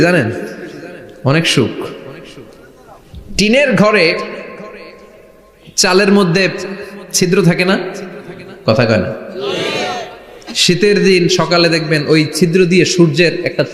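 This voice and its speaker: Preacher man in an echoey hall. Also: high-pitched. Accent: Bangladeshi Bengali. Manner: asks the crowd questions and has them answer back; chants Quranic verses and sings devotional lines slowly. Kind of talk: sermon to a live crowd. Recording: echoey hall, long reverb.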